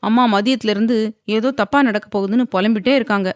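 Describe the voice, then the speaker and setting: A woman's voice: fairly high pitch, fast talker, no echo, clean studio sound, pitched above the performer's own voice, natural voice. A woman voicing a cheerful household helper who coaxes the heroine affectionately. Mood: coaxing.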